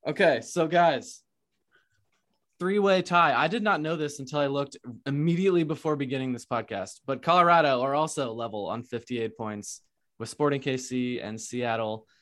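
A man's voice: mid-range voice, normal speed, a bit bright. A man hosting a sports podcast in casual chat who jokes and laughs often. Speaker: podcast host.

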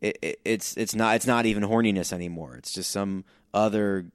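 A man with a very low voice talks as a guest on a podcast. His tone is smooth and the sound is close and dry. He starts over often while working through his thoughts. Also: dry recording. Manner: halting, restarts often, reflective. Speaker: comedian guest. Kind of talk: casual podcast chat.

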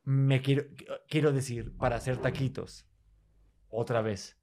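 Un hombre con acento español que conduce un pódcast en charla informal, bromeando, riéndose a menudo y soltando groserías. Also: male voice, mid-range voice, fairly even intonation, measured pace, warm tone. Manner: laughing often, joking, swearing. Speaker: podcast host. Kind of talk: casual chat.

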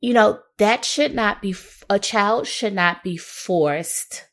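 A woman hosting a podcast, interviewing in a measured, affirming way, and she is a parent. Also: medium pitch, a bit bright. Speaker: podcast host. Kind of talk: interviewing, casual talk.

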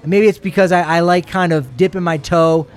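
A man's voice: high-pitched, fairly even intonation, moderate pace. A man co-hosting a sports show, chatting casually and rambling through sponsor plugs with jokey asides.

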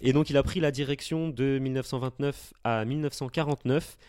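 A man's voice: medium pitch, steady tone, brisk, darkish tone, clear, resonant tone, dry recording, studio quality. Chatty man telling a podcast anecdote. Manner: storytelling, hesitant with many fillers. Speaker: podcast co-host. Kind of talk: casual podcast chat.

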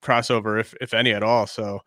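A man's voice: fairly low pitch, level tone, a little fast, a bit bright, dry recording, studio quality. A man hosting a podcast in a casual, conversational interview style, feeling his way through his sentences. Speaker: podcast host.

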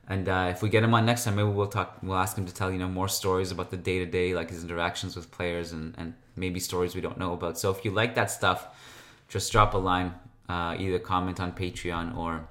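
A man's voice: low-pitched, level tone, fairly quick, a bit bright. A man hosting a sports podcast solo, talking casually in a rambling, conversational way.

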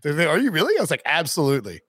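A man's voice: a little high, huge pitch swings, racing, fairly bright tone, breathy edge, no room sound, clean studio sound. A man in his forties hosting a casual sports podcast, joking and teasing his co-host. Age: 40s.

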